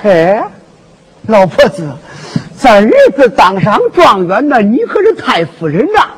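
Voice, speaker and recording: A man playing a blind elderly father in a Chinese folk opera, with a drawn-out, sing-song stage delivery. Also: high-pitched, sing-song, slight background noise. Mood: elated. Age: over 60.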